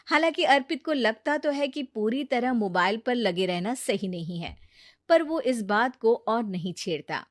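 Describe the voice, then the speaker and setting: A woman doing scripted storybook narration for a family cartoon, plain and even. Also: a little high, measured pace, no echo, studio quality.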